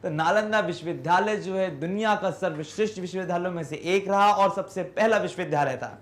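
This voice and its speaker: A man teaching an English lesson with an Indian accent, explaining patiently, asking and answering his own questions, and reading the English text slowly. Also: sits high.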